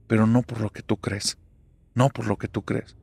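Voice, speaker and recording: A man with a Mexican accent voicing a frightened, nervous middle-aged mother who pleads in a shrill, panicked way. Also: flat delivery, normal speed, gravelly, darkish tone, breathy edge, no echo. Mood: urgent.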